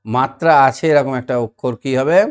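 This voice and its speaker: A man's voice: mid-range voice, brisk. A man teaching a children's reading lesson, coaxing small children and asking them to repeat after him in a sing-song way. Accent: Bengali (West Bengal).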